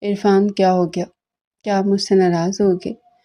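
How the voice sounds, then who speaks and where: A woman's voice: mid-range voice, little pitch movement, warm tone, natural voice. A woman voicing a young wife in a romantic audiobook novel, scolding and pleading with her husband.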